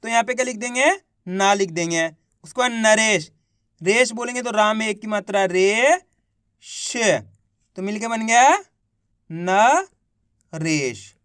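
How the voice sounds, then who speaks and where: A man's voice: high-pitched, normal speed, a bit bright, clear, resonant tone, no room sound, clean studio sound. A man teaching an online spelling lesson, repeating each word and quizzing the viewers patiently. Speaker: Hindi teacher.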